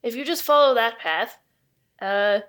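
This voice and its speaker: A woman's voice: fairly high pitch, lively intonation, measured pace, fairly bright tone. A woman voicing a busy, impatient woman astronomer who talks in a curt, dismissive way with a put-on accent.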